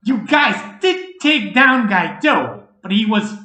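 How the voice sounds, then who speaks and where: A smug human mage with a calm, persuasive voice that lets a cackle slip through, put on by a male reader. His voice is lively and bright. The audiobook read-through has a roomy echo. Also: high voice, slow pace, pitched above the performer's own voice, exaggerated voice. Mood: smug menace.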